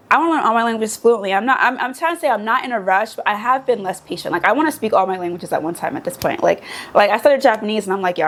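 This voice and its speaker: A young woman from the United States talking casually and animatedly in a vlog, with many fillers. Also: medium pitch. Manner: animated, chatty, lots of fillers. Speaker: vlogger. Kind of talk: casual chat.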